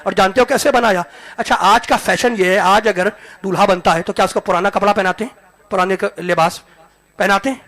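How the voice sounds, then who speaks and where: A man preaching an impassioned sermon to a live gathering, repeating his phrases and swinging between loud shouts and hushed asides. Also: high-pitched, steady tone. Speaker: religious orator. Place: mosque hall, live gathering.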